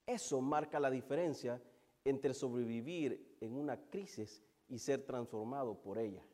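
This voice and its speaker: A man preaching a sermon, moving between hushed, drawn-out passages and loud, fervent build-ups. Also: medium pitch.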